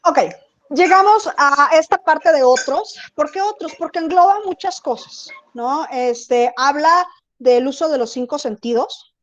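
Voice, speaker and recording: Over a video call with dull-sounding audio, a woman with a high voice teaches an online lesson. She keeps things chatty and frequently checks that her students are keeping up.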